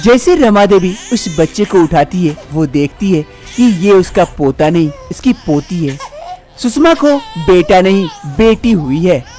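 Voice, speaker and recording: Man narrating a story, fairly high voice. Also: animated, measured pace, warm tone, soft background music.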